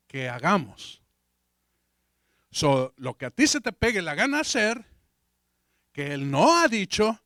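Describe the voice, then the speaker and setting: Brief: high-voiced man preaching, unhurried, keeps checking in with the congregation. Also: fairly bright tone, no room sound, studio quality. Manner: asks the congregation questions, mixes in English fillers. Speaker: pastor. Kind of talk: sermon.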